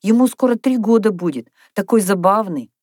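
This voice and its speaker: A woman reading aloud, voicing a lively young girl who dreams of being an artist. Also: mid-range voice, moderate pace, dry recording, clean studio sound, voice pushed up, lightly acted. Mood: eager. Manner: eager, bright, storytelling.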